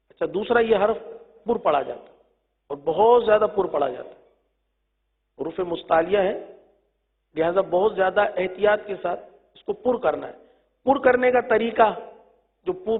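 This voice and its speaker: A man teaching Quran recitation, slowly stretching and chanting each syllable for his students to repeat. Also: sits high. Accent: Pakistani Urdu. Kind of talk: slow drilled letter-by-letter teaching. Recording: tinny phone-like sound with long reverb.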